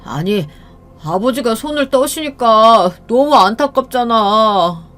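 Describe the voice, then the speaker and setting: A woman's voice: fairly high pitch, faint music behind, close to an everyday voice. Lady doing a sloppy drunk hubby, whiny n teary. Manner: whiny, slow and crying. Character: drunk weepy adult husband, man.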